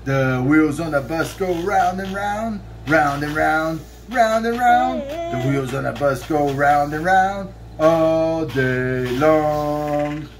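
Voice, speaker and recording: A man's voice: a little high, animated, takes it slowly, hardly any pauses, noisy background. A man in his thirties singing a children's song from a book to his child in a bedroom, playful and sing-song, drawing out the line endings. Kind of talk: sung read-aloud of a children's song. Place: bedroom, lying on a bed. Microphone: camera a few feet away.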